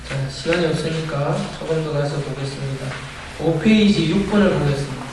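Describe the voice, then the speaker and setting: Male pastor, high voice, sermon with call-and-response questions, recorded from far off in a very echoey church hall with faint background noise. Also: brisk. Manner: asks the congregation questions and answers them himself. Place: church sanctuary.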